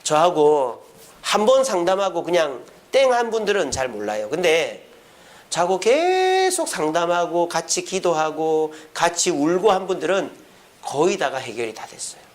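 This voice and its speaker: A man's voice: on the high side, normal speed. A man preaching as a pastor at a church prayer service, posing questions to the congregation and answering them himself. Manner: acts out quoted speech in lively voices. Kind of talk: sermon.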